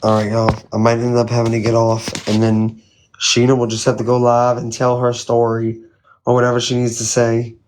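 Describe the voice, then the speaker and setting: A man's voice: mid-range voice, monotone, moderate pace, a little mellow, a little hiss or hum, low-quality recording. A man hosting a casual live chat, talking in a hesitant, rambling, colloquial way. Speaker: live stream host.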